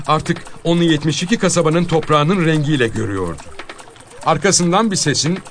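A man reading a dramatic story aloud as narrator, expressive and with measured pauses. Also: on the high side, a little hiss or hum.

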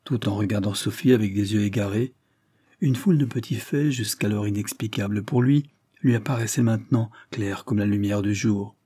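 Low, husky male audiobook reader. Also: normal speed, mellow, dry recording, clean studio sound. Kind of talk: scripted narration of a Victorian novel.

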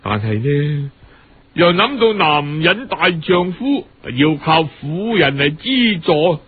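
A man with a Cantonese accent tells a story in a dramatic, colloquial radio audiobook style, stretching out the particles at the ends of phrases. His voice is a little high and very animated, with a breathy edge, and the audio is narrow and tinny.

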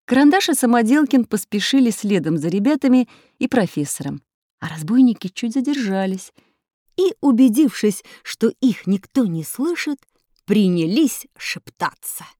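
A woman narrating a children's audiobook in an expressive storytelling manner. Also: on the high side, moderate pace, no room sound, studio quality.

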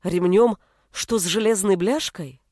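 A woman's voice: medium pitch, a little slow, dry recording, clean studio sound, natural voice. A woman voicing a young village woman, a fierce, blunt-spoken elder sister protecting her little brother. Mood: alarmed. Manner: blunt, rough-spoken, shouting in anger.

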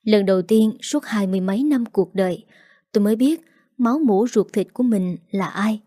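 A woman reads a first-person story aloud, her delivery measured and full of feeling. Her voice is dark and mellow at a middle pitch, with a dry, close sound. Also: dry recording. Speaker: audiobook narrator.

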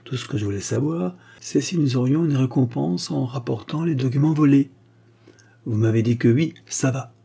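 A man's voice: medium pitch, normal speed, gravelly, mellow, breathy edge. A man voicing a boastful, cheeky Gascon private detective who talks with cocky self-assurance.

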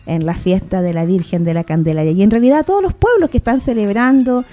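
A woman's voice: mid-range voice, quick pace, mellow. A woman hosting a radio show, chatting casually, thinking aloud with fillers and tag questions. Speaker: radio host. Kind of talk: casual radio talk introducing guests. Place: radio studio.

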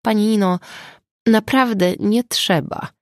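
A woman's voice: mid-range voice, takes it slowly, no room sound, studio quality, voice pushed up. A woman voicing a weary, soaked policeman. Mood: polite. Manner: cautious, polite, resigned. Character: weary soaked male police officer, middle-aged.

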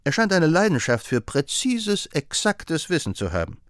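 A man's voice: on the high side, huge pitch swings, moderate pace, dry recording, clean studio sound, voice pushed up. A man doing a chatty, gossiping young hospital assistant. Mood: gossipy. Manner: gossipy and amused. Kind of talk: audiobook character voice.

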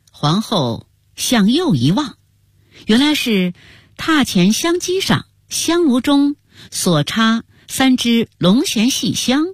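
A woman telling a historical story in scripted narration, with an expressive, melodic delivery. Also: mid-range voice, breathy edge, no room sound, studio quality. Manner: expressive, rising and falling melodically.

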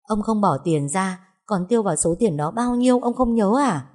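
A woman's voice: mid-range voice, animated, moderate pace, a little mellow, pitched above the performer's own voice, lightly acted. A woman voicing a distressed middle-aged wife who scolds and pleads with her husband in an audio story. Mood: upset.

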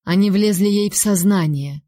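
A woman's voice: medium pitch, moderate pace, warm tone, no echo, studio quality, close to an everyday voice. A woman voicing an anxious grey-haired male adviser who calls out urgent warnings. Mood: grave.

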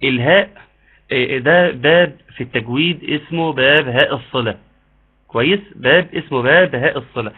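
A man with an Egyptian accent teaching an online tajweed lesson, explaining patiently and modeling slow recitation. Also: mid-range voice, husky. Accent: Egyptian Arabic. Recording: tinny phone-like line.

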